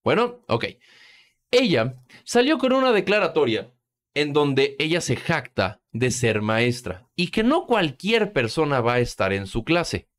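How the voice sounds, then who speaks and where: A man's voice: on the high side, very animated, unhurried, a bit bright. A man with a Mexican Spanish accent hosting sarcastic political commentary, crude and mocking, full of slang and swearing. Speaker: host.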